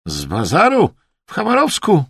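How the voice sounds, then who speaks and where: A man voicing a calm, cryptic male Chinese shaman with a high, sly, drawn-out manner. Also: husky, no echo, studio quality, heavily acted.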